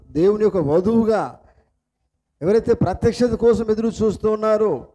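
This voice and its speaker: A man's voice: high-pitched, mellow. A male pastor preaching a sermon in a repetitive, emphatic cadence, often asking the congregation questions. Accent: Telugu. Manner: asks the congregation repeated questions.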